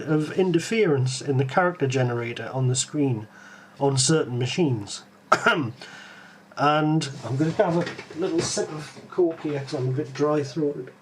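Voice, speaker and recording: A man from Tyneside, England, with a Geordie accent hosts a live tech stream, musing aloud as he answers viewers, with lots of ums and restarts. His voice is fairly high, with slight background noise.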